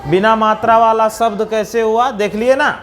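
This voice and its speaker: In a slow classroom explanation for small children, a Bihari Hindi-accented man carefully spells out each letter and sound in turn. His high voice is fairly even in intonation and a bit bright, and his pace is moderate.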